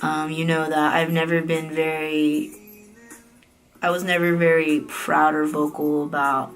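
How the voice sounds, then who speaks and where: Recording at night in a private room at her office, a late-twenties American vlogger shares a candid, casual update, rambling with fillers and correcting herself. She speaks low and level at a measured pace, over soft background music.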